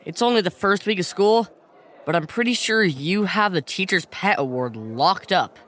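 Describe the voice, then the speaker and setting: A wisecracking teenage schoolboy, voiced by an actor who whines and jokes with a lively, bouncing pitch. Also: normal speed, close to an everyday voice. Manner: whiny and joking.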